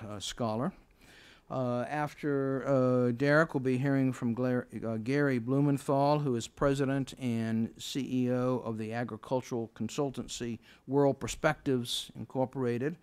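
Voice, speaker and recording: A man moderating a formal event, introducing speakers in a hesitant, halting way. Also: medium pitch, darkish tone, clear, resonant tone.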